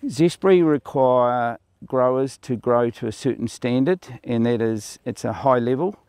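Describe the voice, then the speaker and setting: A man's voice: mid-range voice, unhurried, a little mellow, clean tone, dry recording. An older man from New Zealand, an orchard owner, explaining kiwifruit growing outdoors in an interview, plainly and with fillers. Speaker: orchard owner and company founder. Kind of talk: on-camera interview.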